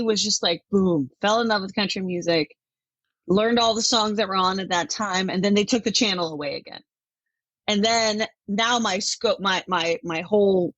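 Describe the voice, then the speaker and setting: A woman's voice: medium pitch, dry recording, muffled recording. A middle-aged woman from Denmark, a country music artist, chatting animatedly in an interview and laughing often. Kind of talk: casual interview talk.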